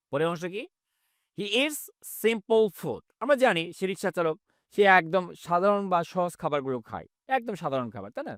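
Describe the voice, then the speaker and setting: A man who speaks Bengali natively, teaching English grammar. He asks questions, answers them himself, and reads example sentences very slowly. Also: sits high, a bit bright, dry recording, studio quality. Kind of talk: reading lesson explaining grammar.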